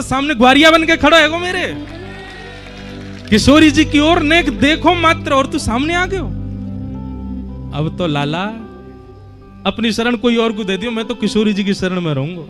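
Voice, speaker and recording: A man's voice: sits high, close to an everyday voice. A man doing an old devout holy man, Braj accent.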